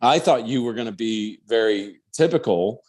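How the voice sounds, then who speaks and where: A man's voice: fairly low pitch, expressive, normal speed, darkish tone. A man co-hosting a podcast, chatty and teasing in casual talk. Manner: chatty, teasing, acts out quotes. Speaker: podcast co-host. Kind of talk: casual chat.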